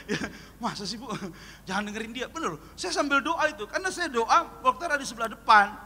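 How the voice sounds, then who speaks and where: A man, a pastor, preaching an animated sermon and telling joking stories full of acted-out dialogue. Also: extremely high pitch, fast. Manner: animated, joking, acts out dialogue in his story. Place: church hall. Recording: long hall reverb, faint noise.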